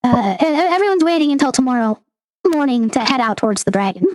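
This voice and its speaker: A woman's voice: sits high, lively intonation, fast, a little mellow, no room sound. A woman game master narrating a tabletop roleplaying game in a descriptive, scene-setting way.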